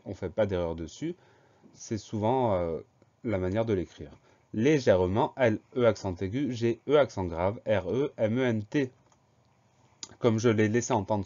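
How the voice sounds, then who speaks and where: A man teaches a spelling dictation lesson, going through each word slowly and spelling it out letter by letter. His voice is lowish and mellow, and he stays calm and patient throughout. The recording is muffled and lo-fi. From France.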